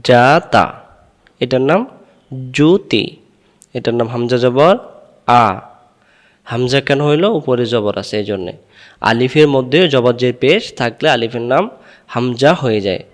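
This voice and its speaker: A man teaching Quran letter pronunciation, drilling each syllable slowly and asking and answering his own questions. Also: medium pitch, long reverb tail. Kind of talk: slow drilled recitation lesson.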